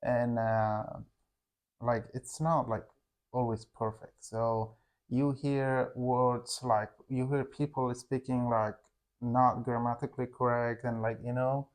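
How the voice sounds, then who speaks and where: A young Afghan man whose first language is Hazaragi speaks English in a relaxed conversation with his wife, his pitch ordinary and mid-range. He is an English teacher and channel co-host, and he sounds halting, pausing often, circling back for words and filling gaps with "like," as if chatting informally with his students.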